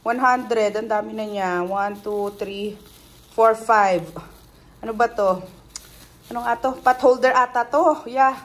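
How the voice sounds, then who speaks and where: A woman's voice: on the high side, slow. A middle-aged Filipino woman vlogging casually on a phone in a condo, chatty and giggly. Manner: chatty, giggly, mixing English and Tagalog. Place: condo unit on a rainy evening. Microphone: phone held by the speaker.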